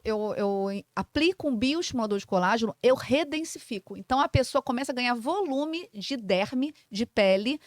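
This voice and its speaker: A woman's voice: on the high side, no echo. A woman in her forties from Brazil, a clinic owner and physiotherapist, explaining treatments in a didactic, casual podcast chat. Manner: didactic, explains with simple comparisons and frequent fillers.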